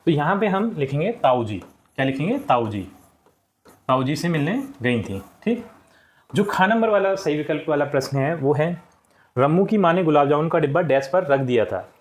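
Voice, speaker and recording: A man's voice: a little high, animated, moderate pace. Patient male teacher explaining a lesson. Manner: patient, repeats answers and checks with "ठीक". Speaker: school teacher. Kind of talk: explaining a textbook lesson to children.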